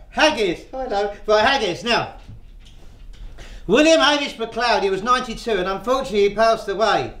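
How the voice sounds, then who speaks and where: A man's voice: high voice, a bit bright. A man hosting a casual cooking demonstration, chatty and rambling and laughing often as he tells jokes. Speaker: cooking show host. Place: outdoors, windy. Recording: echoey with faint ambient noise.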